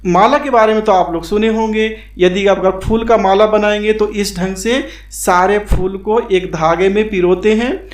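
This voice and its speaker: A man teaching English grammar in a slow, repetitive lesson, posing questions and then answering them himself. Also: high voice, fairly even intonation. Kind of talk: explanatory classroom lesson. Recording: echoey room.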